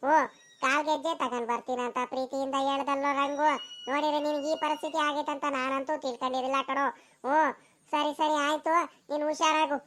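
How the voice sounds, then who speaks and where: Woman voicing high rapid-fire village girl. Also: fairly bright tone. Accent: Karnataka rural Kannada. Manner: scolding, dramatic sighs. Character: village woman Ningi, scolding sweetheart. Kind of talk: cartoon voice acting.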